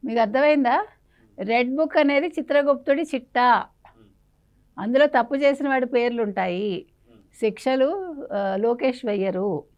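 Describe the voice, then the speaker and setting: A woman journalist giving a heated, indignant interview in a scolding way. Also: fairly high pitch.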